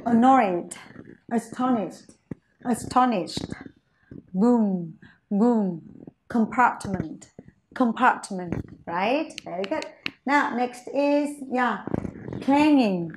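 A woman English teacher giving a vocabulary lesson, saying each word slowly for her students to repeat. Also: a little high, expressive, reverberant, slight background noise.

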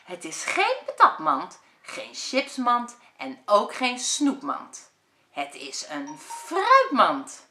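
A woman's voice: on the high side, huge pitch swings, slow pace, sharp tone, heavily acted. A woman voicing a lazy, snack-loving boy who hates exercise, whiny and complaining. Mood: plain. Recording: echoey room.

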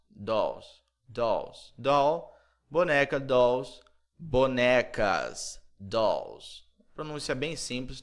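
A man with a Brazilian Portuguese accent from Mato Grosso, teaching an English lesson and repeating words to drill them. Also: mid-range voice.

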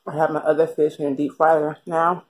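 A woman vlogger chatting casually with her mouth full while she eats, relaxed and rambling. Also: sits low, brisk. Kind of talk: casual talk while eating.

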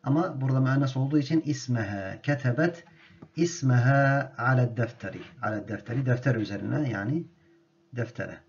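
A man teaching an Arabic grammar lesson, speaking slowly and deliberately and repeating each word so it can be drilled. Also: medium pitch, muffled recording.

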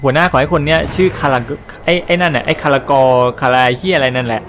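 A man casually commentating a video game he plays, explaining and translating the story and reacting excitedly to fights. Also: a little high, quick pace, a little hiss or hum. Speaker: gaming channel host. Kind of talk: casual let's-play commentary.

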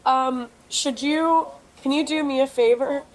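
A woman's voice: high voice, fairly even intonation, measured pace, poor audio. An intoxicated woman, crying and pleading with police officers, caught on a body camera. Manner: pleading, begging over and over. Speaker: arrested woman. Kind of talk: body cam encounter with police.

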